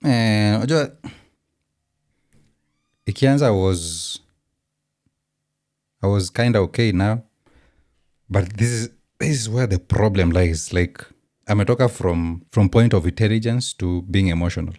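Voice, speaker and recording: Speaking unhurriedly with frequent pauses, a Kenyan man hosts a show and reacts to a clip in a relaxed way. His mellow, lowish voice slides between English and Swahili slang, full of ums. The studio recording is dry and clean.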